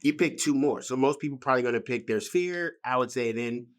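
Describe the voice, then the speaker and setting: A man's voice: mid-range voice, a little fast. A man, a real estate agent, chatting casually as a podcast guest in a laid-back, slangy way.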